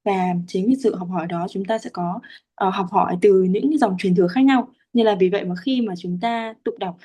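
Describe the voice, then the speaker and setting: A Vietnamese woman with a mid-range, dark-toned voice speaks briskly while patiently teaching the rules of Pali chanting. Her explanation is full of hesitations and fillers, and she spells out the length of each syllable.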